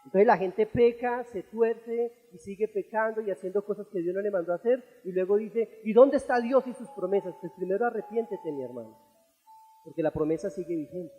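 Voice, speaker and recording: A Colombian man preaching as pastor, teaching earnestly and rising to loud, fervent passages. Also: high voice, brisk, phone-quality sound, faint music behind. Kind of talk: sermon. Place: church auditorium. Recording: echoey church hall.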